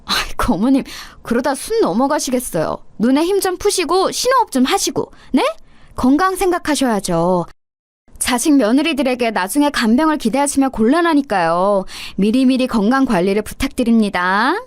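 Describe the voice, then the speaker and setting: A cold, insolent young daughter-in-law, as a woman acts her out speaks in a high, lively voice. She wraps every jab in overly polite, sarcastic phrasing. The sound is dry and close, like a radio story reading. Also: moderate pace, no room sound. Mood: taunting.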